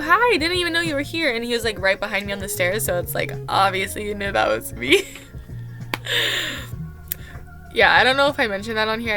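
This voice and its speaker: A young woman and camp counselor telling a casual storytime vlog, rambling and exasperated, with lots of "like". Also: a little high. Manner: exasperated rambling rant, heavy use of "like".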